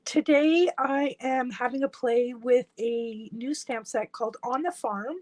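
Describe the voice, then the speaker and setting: At her craft table, an independent stamping demonstrator who is losing her voice walks viewers through a project step by step, chatting to them as her hands work. Her voice is high and a little mellow, her pace unhurried, and the recording is dry.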